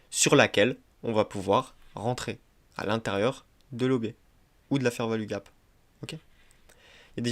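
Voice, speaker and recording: A man's voice: mid-range voice, fairly bright tone. A man teaching trading over a screen-share tutorial, who talks emphatically, repeats key points and keeps asking "ok?". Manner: repetitive, emphatic, many verbal tics like "ok?" and "hop". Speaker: trading instructor.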